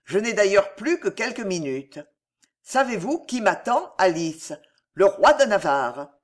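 A woman's voice: mid-range voice, very animated, a little slow. A woman voicing an ardent young nobleman who speaks earnestly, in an audiobook reading.

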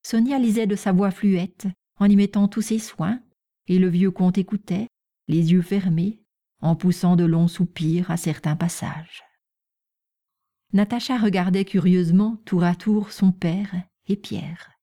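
A woman narrating a classic novel as an audiobook, in a measured, even reading. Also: fairly low pitch. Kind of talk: scripted literary narration.

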